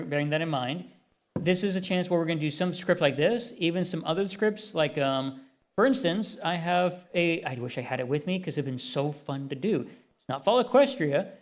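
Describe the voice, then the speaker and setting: Male panel host, slightly high voice, chatty and rambling. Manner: rambling, chatty, self-correcting. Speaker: convention panel host and narrator. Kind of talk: script narration, then casual panel talk.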